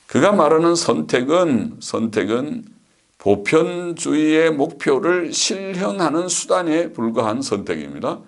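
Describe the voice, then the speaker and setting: A man's voice: fairly high pitch, big pitch swings, measured pace, gravelly. A man, a pastor, giving a theology lecture, reading passages aloud and then explaining them with frequent fillers.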